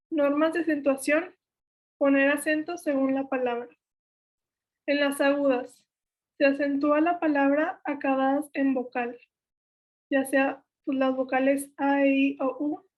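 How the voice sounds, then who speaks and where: A woman's voice: high voice, measured pace. A young woman with a Mexican Spanish accent steadily explaining spelling rules step by step, correcting herself now and then. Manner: steady list-like delivery, self-corrects. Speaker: workshop instructor.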